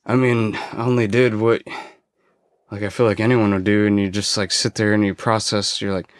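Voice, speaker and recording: A man on a podcast, a former forest ranger, casually telling a story with frequent swearing and halting restarts. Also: on the low side, level tone, clear, resonant tone, dry recording, studio quality.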